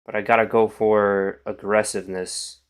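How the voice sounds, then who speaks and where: A man's voice: on the low side, little pitch movement, normal speed, clear, resonant tone. A tired young man with a morning voice, thinking aloud as he streams chess and trails off into mumbles. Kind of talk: casual live-stream commentary.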